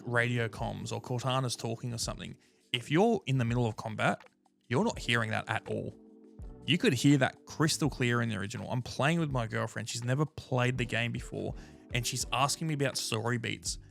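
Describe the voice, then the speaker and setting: Casual podcast co-host, male, gravelly fry, animated and blunt, faint music underneath. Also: mid-range voice, fairly quick. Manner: animated, frank, swears freely. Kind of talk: casual gaming chat.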